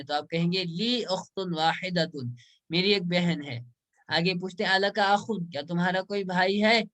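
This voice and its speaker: A man teaches Arabic grammar in an online class, his voice high, bright and forceful. He goes step by step, says example words slowly, and keeps checking in with "right?".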